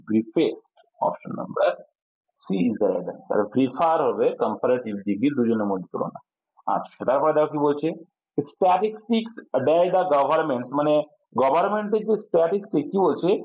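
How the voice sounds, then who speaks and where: Tinny-sounding male teacher. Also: fairly high pitch. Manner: explains step by step, asks and answers his own questions. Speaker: exam coaching teacher. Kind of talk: exam-prep English grammar lesson. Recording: tinny phone-like audio.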